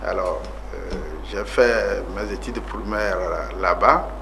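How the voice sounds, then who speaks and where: A man's voice: fairly low pitch, fairly even intonation, slow pace, creaky, background noise. A man in his forties from Togo, a politician being interviewed on TV about his life, speaking earnestly with many fillers and rising emphasis. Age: 40s. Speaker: guest politician.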